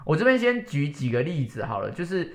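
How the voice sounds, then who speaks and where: A young man from Taiwan, co-hosting a casual podcast chat, jokey and leading the talk. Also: on the high side. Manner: quick, lively, jokey, leads the talk. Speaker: podcast co-host.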